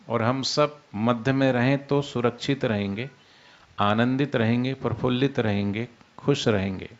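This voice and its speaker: Guy giving a slow spiritual talk, mid pitch, kinda dull lo-fi sound. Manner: unhurried, explains with everyday examples, demonstrates soft and loud speech. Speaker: spiritual teacher. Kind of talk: devotional discourse.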